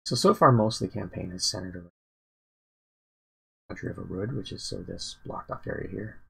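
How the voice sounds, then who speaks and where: A man with a deeply gravelly, fry-heavy voice that sounds very husky and breathy. He rambles and halts, with many fillers and restarts, as he thinks aloud about his campaign. He sounds sleepy, like a dungeon master planning on a relaxed stream. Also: brisk, poor audio. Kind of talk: casual livestream, thinking aloud.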